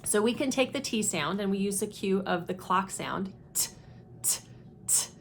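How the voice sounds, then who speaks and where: A woman speech therapist giving a deliberate, methodical instructional explanation of a teaching method. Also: mid-range voice, animated, gravelly, a little hiss or hum. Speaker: speech therapist presenting her own teaching deck.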